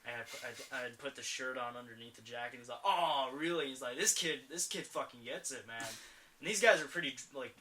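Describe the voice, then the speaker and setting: A young man in his late teens, co-hosting a podcast, rambles through a story and quotes people as he goes. His mid-range voice is a little fast, pushed and bright, and he sits far from the mic.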